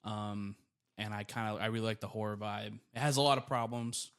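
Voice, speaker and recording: A man chatting casually about films, easygoing and quick to laugh between remarks. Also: fairly low pitch, steady tone, fairly bright tone, clear, resonant tone. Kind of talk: casual film chat.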